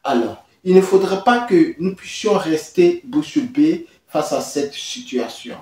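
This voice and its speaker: Slow, hesitant man, roomy distant sound. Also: a little high, animated, a little mellow. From Côte d'Ivoire. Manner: halting, many drawn-out "euh" fillers. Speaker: host. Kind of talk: hesitant talking-head commentary.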